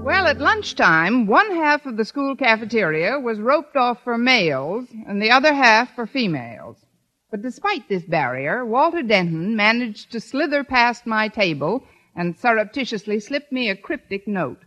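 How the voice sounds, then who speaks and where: An actress playing a wry, quick-witted schoolteacher who narrates and trades dry wisecracks in a 1950s radio comedy. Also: female voice, on the high side, sing-song, fairly bright tone. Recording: dull old radio recording.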